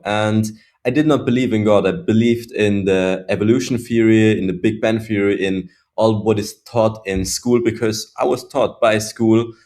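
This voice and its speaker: A man from Switzerland, a guest on a podcast, telling his story in a somewhat low voice. He speaks in a reflective, halting way and often goes back to restart a phrase. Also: a little mellow. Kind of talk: casual personal story in interview.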